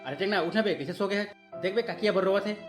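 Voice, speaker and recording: A woman's voice: medium pitch, fast, over music, close to an everyday voice. A woman voicing a coarse male village neighbor in a cartoon, with a Chhattisgarhi accent. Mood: rough. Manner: rough, slangy talk.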